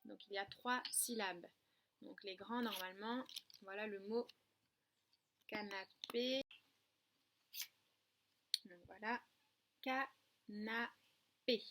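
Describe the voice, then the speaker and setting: A woman teaching a lesson to young children from a distance, patient and clear, stressing syllables and spelling words out letter by letter. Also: medium pitch, fairly even intonation, slow pace, long pauses, background noise. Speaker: kindergarten teacher. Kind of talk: remote classroom lesson.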